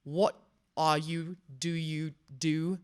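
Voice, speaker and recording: A woman with a fairly low voice hosts a casual interview. She is excitable and laughs often between her questions. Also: slow, clear, resonant tone. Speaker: host.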